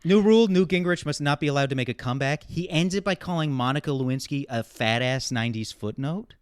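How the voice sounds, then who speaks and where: A man's voice: a little high, fast, clean tone, no room sound, studio quality. A man hosting a casual comedy podcast, ranting in a sarcastic and profane way. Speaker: podcast host.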